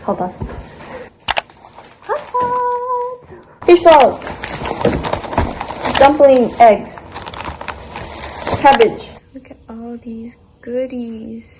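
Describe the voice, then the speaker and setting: A young woman from Taiwan chatting casually in her vlog, playful and quick to giggle. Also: sits high, animated, roomy sound, noisy background. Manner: playful, giggly, switches between languages. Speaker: vlogger.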